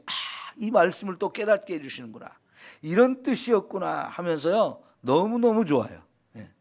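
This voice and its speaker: A man preaching an early morning sermon as pastor, earnest and encouraging, often affirming with a short "yes.". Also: on the high side.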